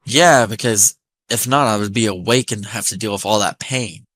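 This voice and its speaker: A man's voice: lowish voice, moderate pace, a bit bright, poor audio. A man with an American accent touched with Appalachian, telling anecdotes in a sweary, rambling casual chat. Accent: American, slightly Appalachian.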